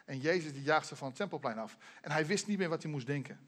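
Male preacher, fairly high voice, earnest storyteller, slows down on key names, trails off low and soft. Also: animated. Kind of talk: sermon, retelling a Bible story.

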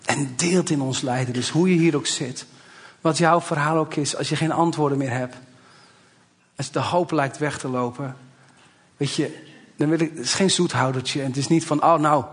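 A man in his forties, a pastor, preaching a sermon in a church, speaking conversationally and building to emphatic exhortation. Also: a little high. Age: 40s.

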